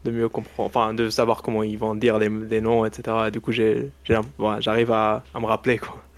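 Hesitant Moroccan man, flat voice. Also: fairly low pitch, brisk. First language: Arabic. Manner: searches for words, hesitant. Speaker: guest analyst. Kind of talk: casual interview chat.

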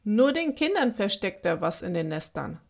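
A woman's voice: medium pitch, very animated, normal speed, vocal fry. A woman voicing a lazy, sarcastic male house cat who talks in a dry, mocking way in a storybook.

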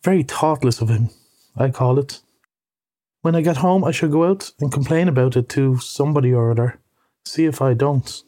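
A man's voice: medium pitch, warm tone, close to an everyday voice. A man doing a fussy pettish male mole. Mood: puzzled, fussy. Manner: prim, slow, indignant. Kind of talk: audiobook reading.

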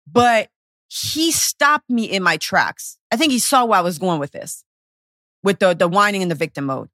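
A woman's voice: mid-range voice, expressive, normal speed, fairly bright tone, no room sound, studio quality. Blunt, profane woman in her thirties. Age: 30s. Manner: blunt, profane and emotional, acts out quotes. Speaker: podcast host and personal trainer. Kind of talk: candid personal storytelling podcast.

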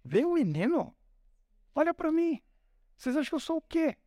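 A man voicing a boastful giant warrior who mocks his opponent in fast, scornful slang. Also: very high voice, big pitch swings, mellow, dry recording, studio quality, pitched above the performer's own voice. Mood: indignant.

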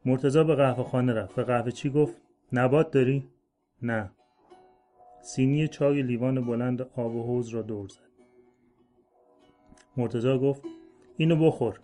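A man reading a literary short story aloud in a measured, slow-building delivery. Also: medium pitch, fairly even intonation, mellow. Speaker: story reader. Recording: faint music bed under voice.

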